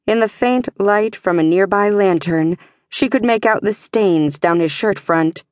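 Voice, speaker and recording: A woman narrating a fantasy audiobook in a measured, tense way. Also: medium pitch, a little mellow, dry recording, clean studio sound.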